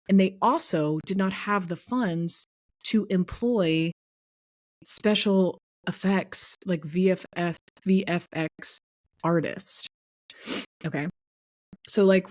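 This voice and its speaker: An excitable young woman chats on a podcast with her friends. Her voice sits a little low for a woman, and she gets animated fast, talking through her enthusiasm. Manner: animated, enthusiastic, breaks into song. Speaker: podcast co-host. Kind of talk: casual chat.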